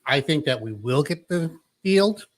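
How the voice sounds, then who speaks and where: A man's voice: a little high, animated, unhurried. Wisecracking middle-aged man. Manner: wisecracking, dry jokes. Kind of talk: casual radio-style chat.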